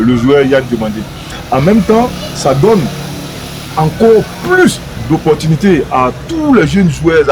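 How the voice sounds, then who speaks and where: A man, a football coach giving a measured, reasoned opinion in a debate. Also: medium pitch, noisy background. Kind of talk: debate commentary.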